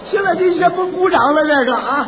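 A man's voice: extremely high pitch, animated, a little fast, noisy background. A man performing stage crosstalk comedy as the skeptical, stammering straight man. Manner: baffled, skeptical foil with comic stammering. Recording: dull old live recording.

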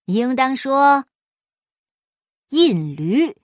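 A woman's voice: fairly high pitch, lively intonation, a little slow, no echo, clean studio sound. A woman voicing a pompous, bullying middle-aged male magistrate in a storybook reading, blustering and stammering. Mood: bossy. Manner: blustering, shouting, stammering in panic.

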